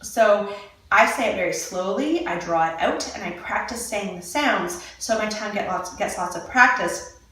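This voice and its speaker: A woman movement coach giving a casual lesson and slowly demonstrating mouth sounds. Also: mid-range voice, animated, a bit bright. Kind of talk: casual instructional talk. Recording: echoey room, mic at a distance.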